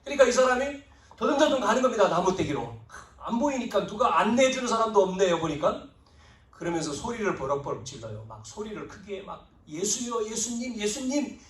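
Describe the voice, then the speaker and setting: A male pastor preaching a sermon, swinging between loud emphatic lines and hushed asides, acting out biblical figures in quoted speech. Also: high voice, sing-song, brisk. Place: church sanctuary. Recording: roomy, distant church recording.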